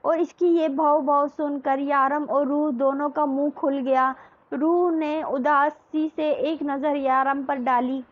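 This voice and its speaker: Woman reading a romance novel out loud, steady, high voice, muffled lo-fi sound. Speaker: narrator.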